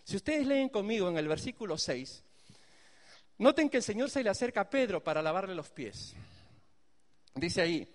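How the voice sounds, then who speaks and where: Animated high-voiced male preacher. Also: in a large hall. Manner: animated, emphatic, addresses the congregation directly. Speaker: pastor. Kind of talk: sermon.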